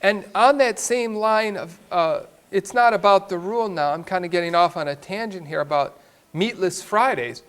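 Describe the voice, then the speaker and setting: A man's voice: high-pitched, normal speed, fairly bright tone, smooth. A man, a priest, telling a story in a sermon with an emphatic way of speaking.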